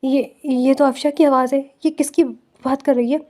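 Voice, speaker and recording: A woman's voice: sits high, little pitch movement, natural voice. A woman reading as a hot-tempered businessman. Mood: bewildered. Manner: bewildered, then furious and shouting. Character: middle-aged man, proud businessman, hot-tempered.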